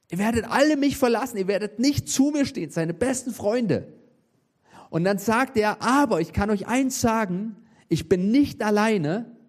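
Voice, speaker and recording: A man preaching a sermon, with lively emphasis and frequent rhetorical questions to the congregation. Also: mid-range voice.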